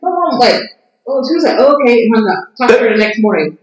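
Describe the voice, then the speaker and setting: A young woman spins a chaotic story in a casual podcast chat, laughing and squealing as it builds. Her voice sits fairly high. The room rings with a lot of echo. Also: fast. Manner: animated, laughs often, squeals while telling. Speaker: podcast guest telling a story. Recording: echoey room.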